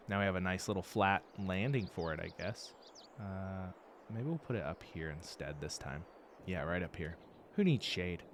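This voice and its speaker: A man's voice: sits low, fairly bright tone. A man hosting a let's-play, chatting casually and thinking aloud as he plays. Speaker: gaming channel host. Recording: game sounds and vehicle noise behind.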